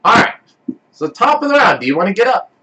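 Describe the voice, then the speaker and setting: Animated high-voiced game master, a man. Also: quick pace, background noise. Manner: animated, laughing, lively pitch swings. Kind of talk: narrating a tabletop game.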